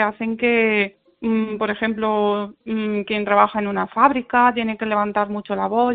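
Woman speech therapist on a phone line. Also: medium pitch. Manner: measured, explanatory, with thoughtful pauses. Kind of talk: radio interview answers.

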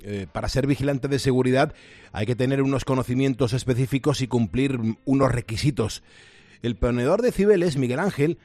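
A man presenting a scripted radio report, clear and measured. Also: mid-range voice, dark tone, no room sound.

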